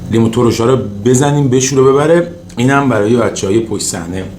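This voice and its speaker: In a reverberant room with slight background noise, a man with an Iranian Persian accent hosts a mukbang. His voice sits at an average male pitch. He eats while chatting informally to viewers, with savoring hums between phrases and dishes clinking around him. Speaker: mukbang host. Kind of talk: casual mukbang eating chat to viewers. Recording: roomy echo, faint noise, clinking dishes.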